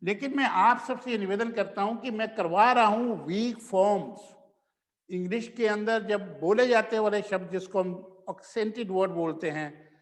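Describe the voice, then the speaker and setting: A man, teaching pronunciation in a slow classroom lecture that stretches out the example words. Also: high-pitched, big-room sound.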